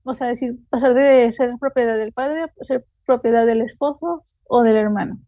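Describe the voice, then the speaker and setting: A woman with a Mexican Spanish accent gives an academic seminar talk, reading loosely from her material. Her voice sits on the high side with a warm tone, recorded dry. She's hesitant and halting, filling pauses with "este" and "eh."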